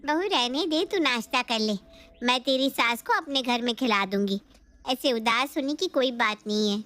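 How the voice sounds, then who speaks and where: A woman's voice: on the high side, moderate pace, a bit bright, lightly acted. A woman voicing a chatty, greedy middle-aged neighbor in a cartoon story, teasing and gossipy.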